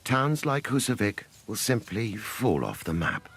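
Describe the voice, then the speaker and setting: A man's voice: lowish voice, big pitch swings, measured pace, fairly bright tone, husky. A man reading scripted narration for a nature documentary. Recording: music bed behind voice. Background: background music.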